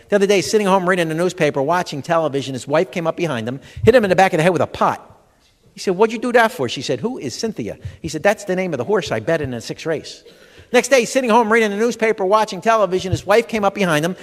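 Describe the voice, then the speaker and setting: A man doing stand-up comedy for a live audience, telling stories and acting out the dialogue. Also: sits high. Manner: animated storyteller, acts out dialogue, addresses audience. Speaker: comedian and humor educator. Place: large expo hall before a live audience. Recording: long hall reverb.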